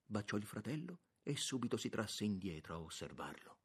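A man reads a classic novel aloud with measured expression. His voice is deep and husky. The intonation rises and falls in a lively way. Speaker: audiobook narrator. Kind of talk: scripted literary narration.

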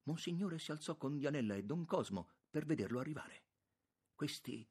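A man reading a literary novel aloud in a measured, expressive narration. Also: medium pitch, husky. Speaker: audiobook narrator.

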